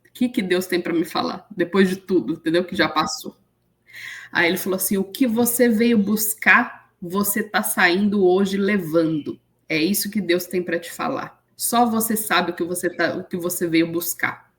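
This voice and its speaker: A woman, an interview guest telling an emotional story with lively quoted voices. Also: on the low side, normal speed. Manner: animated retelling with acted quotes.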